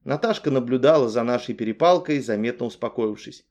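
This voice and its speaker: Man, audiobook narrator, calm even reading, mellow warm tone, mid pitch. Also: a little fast. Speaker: audiobook reader. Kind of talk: scripted narration.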